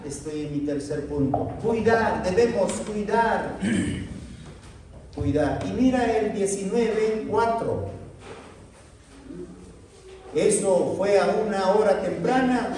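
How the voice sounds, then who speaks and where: High-voiced preacher in a very echoey hall. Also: male voice, mellow, recorded from a distance, a little hiss or hum. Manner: emotional preaching, voice rising sharply in the cries of the quoted lament. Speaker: pastor. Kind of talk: sermon. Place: large echoey church hall. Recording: very echoey hall, voice heard from afar.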